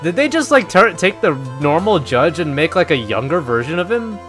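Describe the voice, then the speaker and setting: A man streaming a game, chatting casually and excitably, swearing and restarting often. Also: on the high side, normal speed. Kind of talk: casual let's-play chat. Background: game music.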